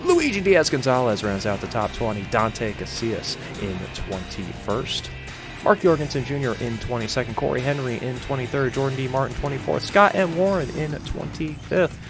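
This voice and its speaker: Excitable man calling a sim race. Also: medium pitch, moderate pace, over music. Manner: excitable, swearing, stumbling over words. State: coughing a lot. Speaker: sim racing commentator. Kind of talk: live-streamed race commentary.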